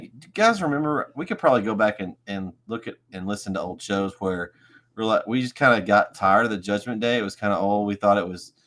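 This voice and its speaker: A man's voice: fairly low pitch, fairly bright tone. A man hosting a casual wrestling review show, easygoing and fond of homespun analogies. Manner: easygoing, uses homespun analogies, laughs along. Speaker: podcast host.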